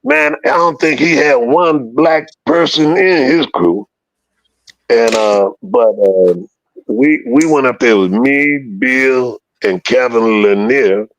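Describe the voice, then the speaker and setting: A man's voice: medium pitch, takes it slowly, no echo. A man telling a story in an interview, casual and full of profanity, acting out the voices of the people in it. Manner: profane, animated, acts out quoted voices. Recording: dull lo-fi dry recording.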